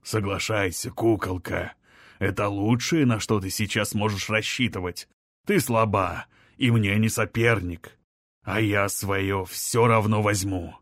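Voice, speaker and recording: A mocking sorcerer lord drawls every word in a low, purring voice, as a male reader puts him on. He sounds amused and condescending, never in a hurry. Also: steady tone, a little slow, a bit bright, no echo, studio quality. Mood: purring menace.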